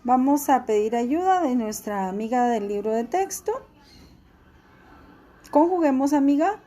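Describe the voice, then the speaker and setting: Woman teacher, high pitch, slow patient delivery, repeats forms for class. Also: animated, dark tone. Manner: patient, repeats each form slowly for students. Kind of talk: classroom language lesson.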